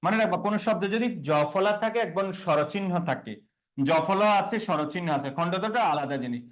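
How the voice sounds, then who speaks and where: A man's voice: high-pitched, expressive, brisk, low-quality recording. A man teaching a classroom grammar lesson, quizzing students and repeating key words. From Bangladesh.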